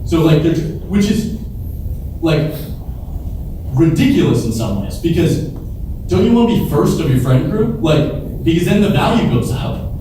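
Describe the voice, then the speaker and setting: A man's voice: a little high, normal speed, long pauses. A man giving an informal talk and answering questions, rambling through stories and acting out bits of dialogue. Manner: rambling, animated storyteller, often quoting imagined dialogue. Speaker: venture capitalist guest speaker. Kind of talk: informal Q&A talk to a live audience. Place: large echoey indoor room with an audience. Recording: echoey room, far mic, clear background noise.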